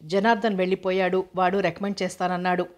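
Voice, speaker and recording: Flat, even-voiced woman reading a novel. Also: on the low side, fast talker. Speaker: audiobook narrator.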